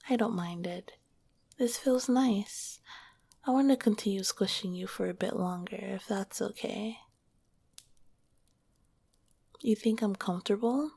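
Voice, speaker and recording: Playing a gentle slime monster girl, a woman whispers right at the ear, her breath catching into a gravelly fry. She starts off a little teasing before softening into tenderness and comfort, her voice medium in pitch. It's recorded on a close mic, dry and intimate like ASMR roleplay, with no echo.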